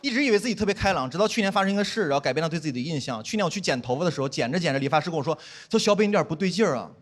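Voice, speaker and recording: A young man performing a stand-up comedy set on stage, acting out quoted dialogue. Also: a little high. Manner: animated, quick-talking, acts out quoted dialogue. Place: comedy stage before a live audience.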